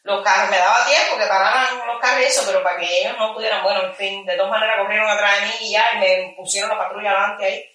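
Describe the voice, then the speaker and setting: A woman recounting events in casual conversation, animated and acting out the voices of the people she quotes. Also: medium pitch, fast talker, hardly any pauses. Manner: animated, acts out quoted voices, drops to a near whisper. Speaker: activist recounting an arrest. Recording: echoey room, distant mic.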